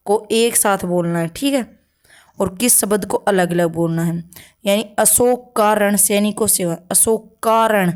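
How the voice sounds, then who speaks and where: A woman's voice: medium pitch, a little mellow. Woman teacher quizzing her own class. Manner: asks questions and answers them herself; checks in with frequent "okay" tags. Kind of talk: exam-prep grammar lesson.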